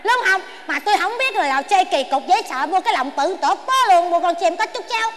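A woman with a Southern Vietnamese accent playing a stubborn elderly wife in a stage comedy sketch, whiny and quick-tongued. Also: very high voice, lively intonation, fairly bright tone. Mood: bickering.

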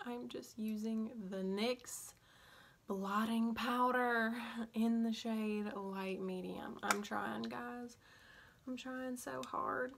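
A woman's voice: a little high, steady tone, very slow, gravelly, long pauses, fairly bright tone, slight background noise. A young woman chatting casually through a makeup tutorial, drowsy and scattered, talking with a sore, barely opened mouth after having her wisdom teeth out. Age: young adult. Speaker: beauty vlogger. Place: indoor room at home. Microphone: phone on a stand at about arm's length.

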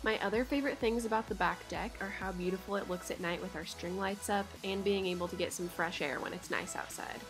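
A woman's voice: medium pitch, a little fast, hardly any pauses, over music. A young woman giving scripted voice-over narration for a house tour, upbeat and informative. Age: young adult.

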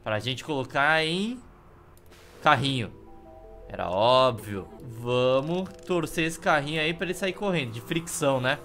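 A man's voice: mid-range voice, lively intonation, measured pace, fairly bright tone. A Brazilian man casually commentating a video game as he plays, with wry, offhand humour. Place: indoor room. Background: game music.

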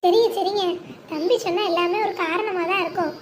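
A woman doing a fretful village wife, very high. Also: fairly even intonation, a little fast, slight background noise. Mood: concerned.

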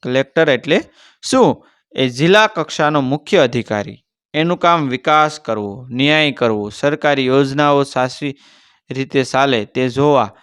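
A man's voice: medium pitch, measured pace, fairly bright tone, smooth, no room sound, clean studio sound, natural voice. A man voicing a kindly village schoolteacher who patiently explains things to a pupil.

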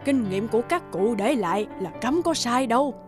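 Bossy superstitious cartoon mother-in-law, a woman voicing her, scolding, fairly high voice over loud music. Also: animated, moderate pace, lightly acted. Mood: insistent. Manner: nagging, scolding. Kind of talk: cartoon dubbing.

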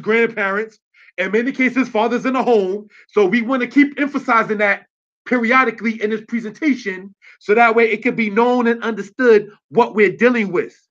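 High-voiced preacher man, lo-fi. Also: a bit bright. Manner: preachy, streetwise, asks "you understand?". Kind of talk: religious teaching.

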